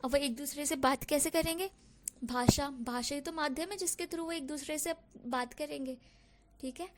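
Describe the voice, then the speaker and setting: Young woman teacher, high voice, explains slowly and keeps checking "ok?". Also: slight background noise. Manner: mixes English words into Hindi, checks in with "ok" and "theek hai". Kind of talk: explaining a lesson.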